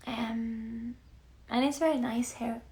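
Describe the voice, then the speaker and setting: A young Norwegian woman with a Norwegian accent, chatting softly on a livestream while she paints, often slipping into near-whispers. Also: a little high, fairly even intonation, slow pace. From Norway. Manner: soft-spoken, often drifting into near-whispers. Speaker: musician live-streaming to fans. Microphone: phone. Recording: echoey room with faint background hiss.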